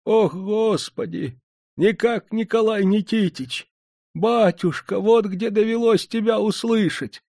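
A man voicing a humble, blind old beggar who pleads in a drawn-out, plaintive way. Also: sits high, creaky, a little mellow, no room sound, studio quality, pitched above the performer's own voice, full character voice. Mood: overjoyed.

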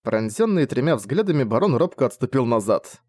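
A man reads a novel aloud as the narrator, calm and steady. His delivery stays even through the prose. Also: medium pitch, fairly quick, no echo. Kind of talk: audiobook narration.

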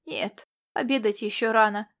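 A woman's voice: fairly high pitch, steady tone, moderate pace, fairly bright tone. A woman voicing a brusque, teasing middle-aged husband. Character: gruff, jovial husband, teasing and down-to-earth. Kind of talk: audiobook character reading.

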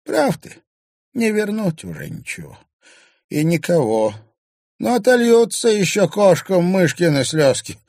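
A shrill, spiteful old crone. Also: male voice, big pitch swings, vocal fry, a little mellow, no room sound, studio quality, heavily acted. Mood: bitter. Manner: shrill, drawn-out, mumbling.

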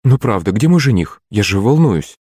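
A man's voice: lowish voice, very animated, normal speed, darkish tone, breathy edge, no room sound, studio quality. A man voicing a worried plump woman due to marry the next day, anxious and soothing.

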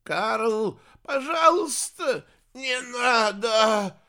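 A man voicing an old sorceress, a grieving mother who speaks softly and tearfully, in an audiobook. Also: high voice, lively intonation, takes it slowly, vocal fry, voice pushed up, heavily acted. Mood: pleading. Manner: soft, tearful, pleading. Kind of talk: audiobook character voice.

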